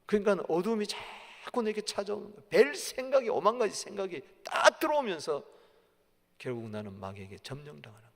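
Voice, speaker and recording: A male pastor preaching in a church sanctuary with a long reverb trailing each phrase. His voice sits high and leaps wildly in pitch, dropping to near-whispers and then surging into loud, emphatic peaks. A gravelly rasp runs under his words. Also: big pitch swings, brisk. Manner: dramatic swings from hushed to loud and emphatic. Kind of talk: sermon.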